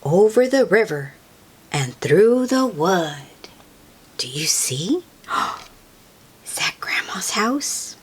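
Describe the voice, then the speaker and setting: A woman hosts an expressive read-aloud of a picture book for young children, speaking unhurriedly with a lively, slightly breathy voice. Her delivery is sing-song and engaging, full of questions for the listener and soft exclamations.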